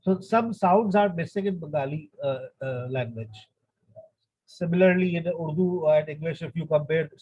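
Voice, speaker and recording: A man's voice: a little high, a little mellow, husky. A man, teaching an online English lesson and switching between English and Urdu as he explains. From Pakistan. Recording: dull lo-fi recording.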